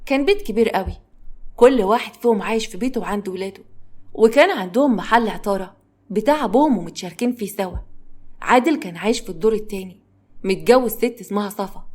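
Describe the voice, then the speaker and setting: A woman's voice: mid-range voice, a little mellow. A woman with an Egyptian accent narrating a dramatic story. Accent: Egyptian Arabic.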